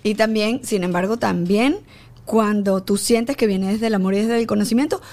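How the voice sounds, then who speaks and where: A woman's voice: mid-range voice, normal speed, background noise. A woman hosting a casual podcast, supportive, with frequent agreeing interjections. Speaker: podcast host. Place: recording studio.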